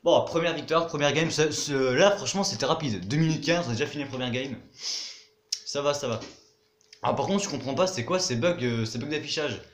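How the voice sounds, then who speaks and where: A young gaming YouTuber with a rather high voice talks a little fast over his own gameplay, chatty, muttering to himself and swearing now and then. The room sounds echoey.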